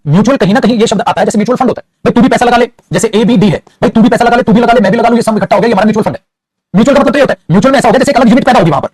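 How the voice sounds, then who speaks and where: A man's voice: high-pitched, darkish tone, breathy edge, dry recording. A man teaching English grammar in a classroom, explaining patiently and calling his students "child", with some moral advice. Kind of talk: classroom lecture.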